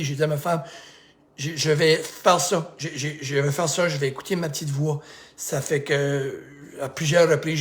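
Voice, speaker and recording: Quebecois life coach guy, kinda high voice, rambly and repetitive pep talk. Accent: Québécois French. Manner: rambling, repetitive, acts out dialogue. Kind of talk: casual motivational monologue.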